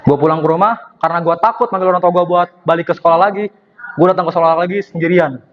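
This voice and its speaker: Young man doing stand-up, high voice. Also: steady tone, quick pace, dull audio, a little hiss or hum. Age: young adult. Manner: acts out dialogue, switching voices for characters. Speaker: student comedian. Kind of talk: stand-up comedy. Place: performance room at a university.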